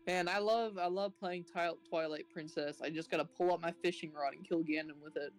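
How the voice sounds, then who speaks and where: A man's voice: on the high side, steady tone, brisk. A man in casual, joking chat with friends during a video game. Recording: game music behind the voice.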